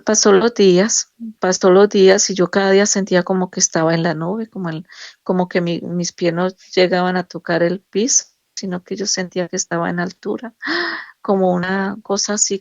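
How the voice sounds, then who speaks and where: Middle-aged woman, halting emotional testimony. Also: mid-range voice, creaky, a little mellow, no echo, highs cut off. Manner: halting, emotional retelling with many restarts. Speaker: nurse giving a faith testimony. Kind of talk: personal religious testimony.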